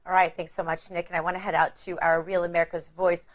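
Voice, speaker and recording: A woman's voice: fairly low pitch, flat delivery, fast talker. A woman hosting a news show, handing off to correspondents with chatty, laughing asides. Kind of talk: cable news anchoring.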